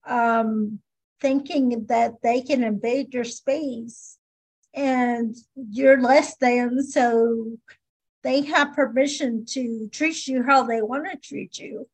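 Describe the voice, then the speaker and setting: High, husky-voiced woman co-host. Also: steady tone, takes it slowly, poor audio. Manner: emphatic and laughing often. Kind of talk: casual interview conversation.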